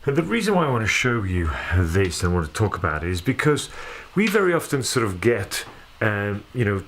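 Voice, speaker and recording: A man talking to camera in a reflective vlog, earnest and thoughtful, pausing on fillers. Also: mid-range voice, a bit bright. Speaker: vlogger.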